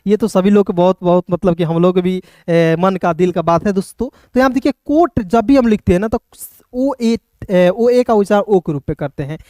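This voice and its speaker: A man's voice: high-pitched, normal speed, mellow, dry recording, studio quality. A man teaching an English lesson to viewers in a classroom style, explaining step by step and often asking questions and calling them friends. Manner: frequently addresses listeners as friends.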